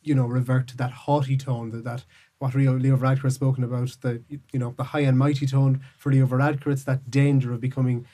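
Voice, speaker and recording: An Irish man, a political correspondent, giving measured, hedging analysis in a news podcast. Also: mid-range voice, level tone, warm tone. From Ireland. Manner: measured, hedging, thinks aloud.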